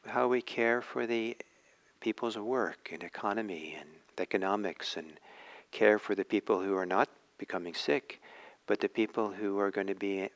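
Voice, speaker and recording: A man from Norway, giving a reflective dharma talk with many pauses and restarts. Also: low voice, a bit bright. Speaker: meditation teacher.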